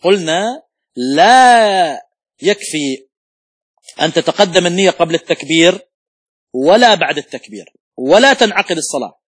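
Man, sheikh, religious law lesson, husky, dry close sound, methodical examples, occasional coughs. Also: sits high, big pitch swings, moderate pace, long pauses, dry recording. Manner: methodical, explains rules through worked examples and repetition; demonstrates correct and wrong pronunciation aloud. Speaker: sheikh teaching Islamic law.

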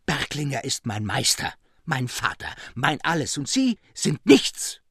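A man's voice: big pitch swings, a little slow, a little mellow, husky, full character voice. A man voicing Traugott, a young male painter in frantic despair, exclaiming in a raised voice. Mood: furious. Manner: exclaiming, pitched high.

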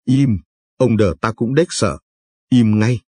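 A brutal, drunken one-eyed bandit, as a man narrator puts him on, snarling coarse threats in a low, husky voice. The delivery is rough and menacing, read for an audiobook. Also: takes it slowly, dark tone, no echo, studio quality. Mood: threatening.

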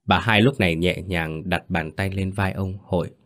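A man narrating a horror story in a measured, dramatic way. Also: low-pitched, fairly even intonation, a bit bright.

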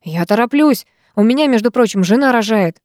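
A woman's voice: fairly high pitch, expressive, brisk, darkish tone, no room sound, clean studio sound, natural voice. A woman reading as a rude, nervy young driver. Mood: defensive. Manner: snapping, defensive, boorish. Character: rude, nervous young man, a hurried driver.

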